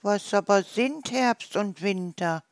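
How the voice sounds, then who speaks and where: A small, bewildered hedgehog from a storybook, raised high above the reader's own voice and a touch strained, as the narrator puts him on. He asks his naive questions slowly and wonders aloud about his hunger. The sound is close and dry. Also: dry recording. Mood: puzzled. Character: hungry, puzzled little young hedgehog.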